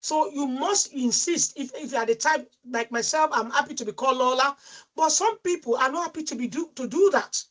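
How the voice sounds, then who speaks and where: A woman hosts an online talk over a video call in a high voice. She affirms her co-host and keeps the session moving from one question to the next. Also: fairly quick, fairly bright tone. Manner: affirming, directive, moves the session along. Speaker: host and facilitator.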